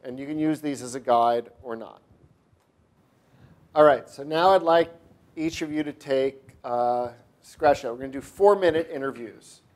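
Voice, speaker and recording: A man leading a classroom workshop, giving quick instructions and prompting students with questions in a conversational way. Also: mid-range voice, a little mellow.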